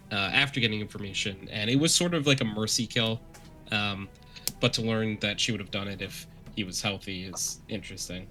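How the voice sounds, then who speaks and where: Bright-voiced man recapping a game. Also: on the low side. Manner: rambling, many fillers, laughs easily. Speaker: tabletop game player giving a recap. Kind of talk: casual recap of a tabletop game.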